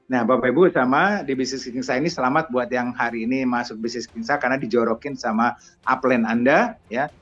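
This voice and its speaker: A man telling a motivational story to a business audience, acting out the characters' voices and sound effects with lively energy. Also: mid-range voice, brisk, dull audio, faint music behind. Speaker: motivational speaker.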